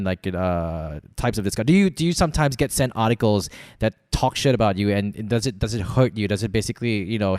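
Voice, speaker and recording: A man's voice: lowish voice, a little mellow, dry recording. A man with a Malaysian accent hosting a casual podcast interview, rambling and often repeating words, close to the microphone. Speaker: podcast host.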